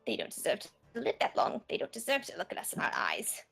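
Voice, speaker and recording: A woman voicing an elderly witch who hisses cruel orders in a raspy whisper. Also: medium pitch, huge pitch swings, fast, fairly bright tone, soft background music, full character voice. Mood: hissing. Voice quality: whispery, hacking cough.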